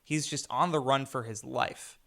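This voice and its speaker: A young man co-hosting a podcast, chatting casually about a movie and acting out scenes with sudden loud bursts. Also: medium pitch, a little slow, gravelly. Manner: animated, acts out scenes with sudden loud outbursts. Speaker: podcast co-host. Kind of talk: casual film discussion.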